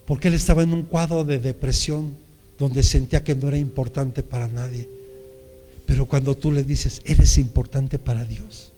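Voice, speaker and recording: High-voiced Mexican pastor preaching. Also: male voice, dark tone, in a large hall. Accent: Mexican Spanish. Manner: earnest, addresses the congregation directly. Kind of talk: sermon.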